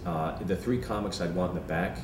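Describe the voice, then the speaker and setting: A man's voice: sits low, a little fast, noisy background. A man, a comedian, talking earnestly as the guest in a casual interview, with a habit of repeating words when he gets keen. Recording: roomy sound from a distant mic.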